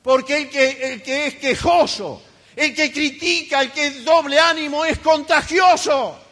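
A man's voice: very high voice, unhurried, pushed and bright. A man preaching a sermon as a pastor, emphatic and fiery, mocking the voices of complainers. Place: church hall. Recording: reverberant church hall.

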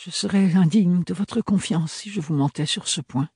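A man reading an audiobook, voicing a frightened young woman who speaks softly and hesitantly. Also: sits high, normal speed, breathy edge, dry recording, clean studio sound, voice pushed up, heavily acted. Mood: hushed, anxious. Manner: soft, hushed, hesitant.

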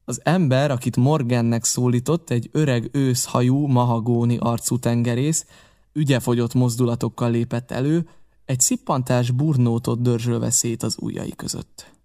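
Man, audiobook narrator, steady even reading, mid-pitched voice. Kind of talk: scripted narration.

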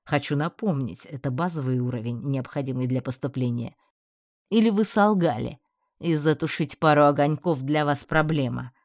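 A woman's voice: deep voice, normal speed, darkish tone, no echo, studio quality, pitched below the performer's own voice. A woman voicing a cold, sarcastic male university professor who speaks in an icy, cutting, mocking tone. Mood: icy sarcasm.

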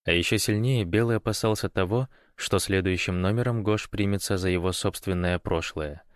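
A man narrating an audiobook in an even storytelling manner. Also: low voice, moderate pace, clean tone, no echo, clean studio sound.

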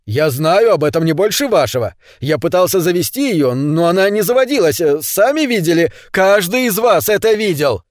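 Man reading as a nervous homeowner pushing back, lively pleading voice, dry. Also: sits high, moderate pace, few pauses, no echo, pitched above the performer's own voice. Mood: defensive anxious. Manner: pleading, defensive. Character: peaceful middle-aged man, anxious then defiant.

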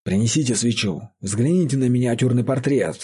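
A man voicing a grim, vengeful farmer who speaks calmly and accusingly. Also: mid-range voice, brisk, husky. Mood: agitated. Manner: calm, accusing. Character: grim vengeful middle-aged male farmer, calm and sure.

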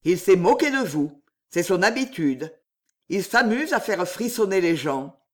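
A sneering nobleman, voiced by a narrator, mocks and threatens in slow, deliberate phrases. His pitch moves widely between scorn and menace. An audiobook character. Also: sing-song. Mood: scornful. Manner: mocking, threatening. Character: scornful, menacing male count. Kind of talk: audiobook reading.

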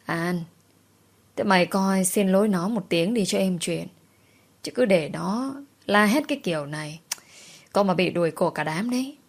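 A coaxing older co-worker woman, put on by a woman narrator tries to calm things down. Her voice is low and soft. It is a storybook telling. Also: normal speed. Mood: soothing.

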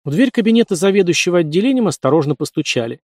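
Man reading an audiobook, a bit high voice, dry and close. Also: sing-song, rapid-fire, darkish tone, no echo. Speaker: narrator. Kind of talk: audiobook narration.

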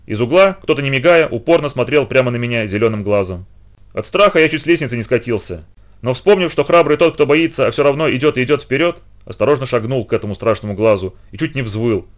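A man's voice: medium pitch, animated, quick pace. A man reading a children's story aloud in the first person, with dramatic expression. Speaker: reader.

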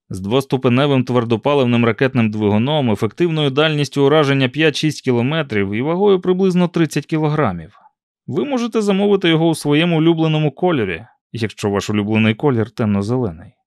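Brief: male audiobook narrator, middle pitch, dry and ironic first-person delivery, close and dry recording. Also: a little mellow, dry recording.

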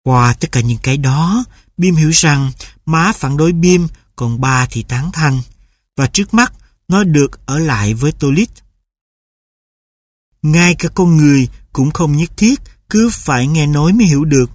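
A woman calmly narrating a storybook in a steady reading voice. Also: deep voice, moderate pace, slightly rough, no echo. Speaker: audiobook narrator.

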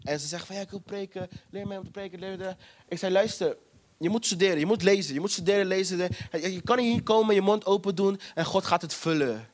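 Man, preacher, fairly high voice, emphatic, repeats phrases, sermon. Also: quick pace. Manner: emphatic, repeats key phrases, retells scripture with quoted voices.

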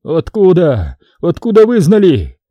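A man voicing a cowardly captive priest who sobs, whines and pleads in a high, strained voice. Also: sing-song, moderate pace, no echo, muffled recording, full character voice. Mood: wailing. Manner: whining, sobbing, high-pitched pleading. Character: wailing cowardly captive male priest, a poisoner. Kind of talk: audiobook character voice.

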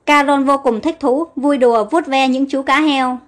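A woman narrating an audiobook story in a steady, plain reading manner. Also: high-pitched, normal speed, faint music behind.

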